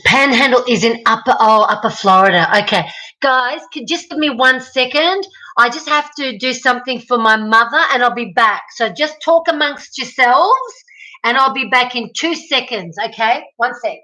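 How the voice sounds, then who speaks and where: A woman's voice: sits high, expressive, moderate pace, bright, forceful tone, poor audio. A middle-aged Australian woman chatting casually with viewers on a live stream, greeting them by name.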